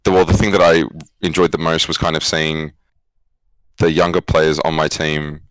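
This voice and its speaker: A young adult man with an Australian accent, an esports coach and former pro player appearing as a guest, answers interview questions casually and reflectively, rephrasing as he goes. His bass voice is flat and a bit bright at normal speed, and the audio is poor.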